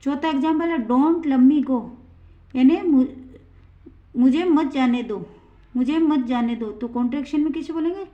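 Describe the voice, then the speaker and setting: High-voiced woman teaching English, phone-like sound. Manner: explains step by step, says English examples slowly and deliberately. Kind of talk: spoken English lesson for learners.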